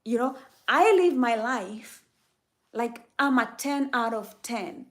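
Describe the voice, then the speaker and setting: A woman from Kenya hosts a faith-based motivational talk on a livestream. She speaks in a fairly high voice and preaches with emphasis, often repeating her key lines for effect. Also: lively intonation, takes it slowly. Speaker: livestream host.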